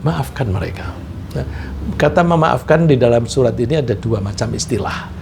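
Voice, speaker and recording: A man's voice: mid-range voice, expressive, normal speed, vocal fry, noisy background. A middle-aged man preaching a sermon, speaking conversationally to his congregation and acting out quoted people in changed voices. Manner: conversational, addresses congregation directly.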